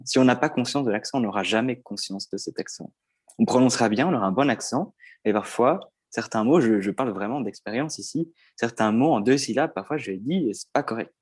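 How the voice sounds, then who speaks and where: A man's voice: mid-range voice, darkish tone, no echo. A man co-hosting a casual podcast, explaining things step by step with frequent hesitations. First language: not stated. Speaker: podcast co-host.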